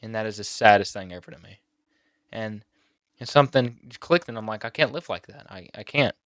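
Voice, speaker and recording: A teenage boy with a low voice talks straight into a close, dry mic. He halts and restarts a lot, emotional and on the edge of tears. It sounds like a personal vlog confession. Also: fairly bright tone, dry recording. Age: teens. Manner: emotional, halting with many fillers and restarts. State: near tears. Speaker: YouTuber.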